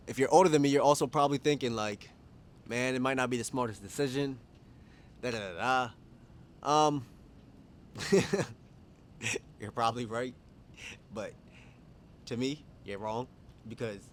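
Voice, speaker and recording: Speaking to camera outside at dusk, this twenty-something Kenyan vlogger delivers a relaxed, candid monologue, reflecting aloud and laughing at his own expense. His voice is mid-range, with a touch of hiss or hum in the audio.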